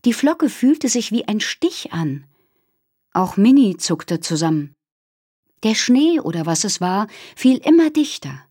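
A woman narrating a children's novel in an expressive storytelling manner. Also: mid-range voice, unhurried, breathy edge, dry recording, studio quality. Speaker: audiobook narrator. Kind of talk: scripted narration.

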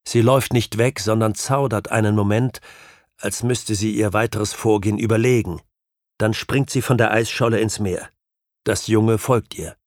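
A male audiobook narrator with a low voice, reading a novel in measured, even storytelling. The sound is close and dry, with no room around it. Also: no room sound. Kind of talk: scripted literary narration.

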